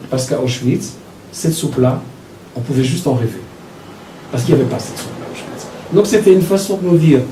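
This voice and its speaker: A man in his sixties from Belgium, an author recounting his childhood in a reflective, halting way. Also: medium pitch, dark tone, slight background noise. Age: 60s. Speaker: author talking about his book. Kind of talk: personal storytelling talk. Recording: echoey room from a distance.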